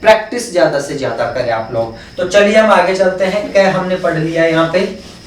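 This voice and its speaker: A high-pitched man at normal speed walks students through exam-prep phonetics in an Indian English accent, going step by step and answering the questions he raises himself. The room echoes, the mic is far away, and there is slight background noise.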